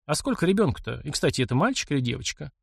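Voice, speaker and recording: A blunt, plain-spoken young engineer, gruff but kind, as a male reader plays him, with a lively, varied pitch. Recorded close and dry for an audiobook. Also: racing, no room sound, heavily acted. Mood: gruff, caring. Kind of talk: audiobook character voice.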